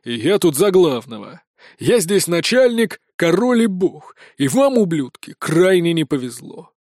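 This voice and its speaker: A man doing a gruff, barking sheriff. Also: a little high, very animated, a little slow, darkish tone, no room sound, clean studio sound, exaggerated voice. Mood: menacing. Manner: barking, threatening. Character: cold gruff male sheriff, big and menacing.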